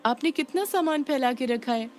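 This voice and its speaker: A woman's voice: sits high, normal speed, darkish tone, faint music behind, voice pushed up, close to an everyday voice. A woman voicing a dutiful, apologetic female housekeeper who speaks politely to her employer. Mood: scolding gently. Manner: polite, deferential.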